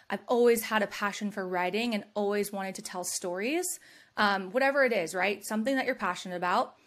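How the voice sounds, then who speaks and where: Upbeat and conversational, a young adult podcast host from California hands out advice in a casual chat, laughing often. Her voice sits in the mid range with a fairly bright tone.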